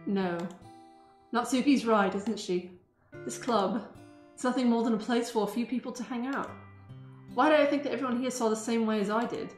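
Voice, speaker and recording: A woman's voice: a little high, moderate pace, long pauses, close to an everyday voice. A woman voicing a blunt, defensive teenage schoolgirl in an amateur visual novel reading, emphatic and petulant. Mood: bitter. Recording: roomy sound, music behind.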